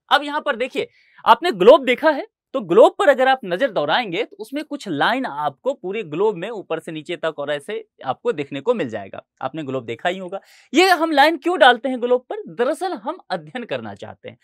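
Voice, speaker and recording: A male teacher lecturing for exam preparation, his pitch rising and falling a lot as he walks through a map. He explains patiently and keeps asking whether the point has landed. The recording is close and dry, with no room sound. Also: fairly bright tone, no echo. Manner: explanatory, keeps checking students follow.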